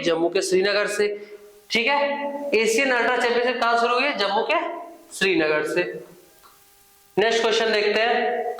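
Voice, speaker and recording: A man's voice: high voice, bright, forceful tone, very echoey, low-quality recording. A man teaching a current affairs quiz lesson, repeating each answer and adding informal asides.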